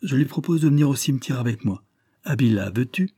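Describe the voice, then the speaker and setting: A man's voice: medium pitch, lively intonation, brisk, mellow, slightly rough, dry recording, pitched above the performer's own voice. A man voicing an anxious, grieving middle-aged husband in a storybook reading, speaking earnestly. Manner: earnest, emotional.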